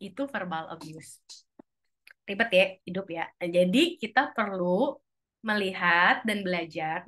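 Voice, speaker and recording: A woman giving a casual, chatty talk to a church couples' group. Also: fairly bright tone. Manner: chatty, acts out quoted lines in a higher voice. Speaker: speaker at a church couples' fellowship.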